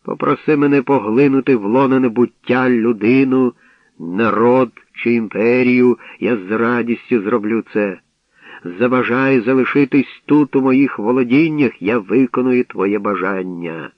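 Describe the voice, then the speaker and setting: A man voicing Hades, the stern all-powerful lord of the dead, in a slow, booming, imperious way, read from a storybook. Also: dry recording, highs cut off, lightly acted.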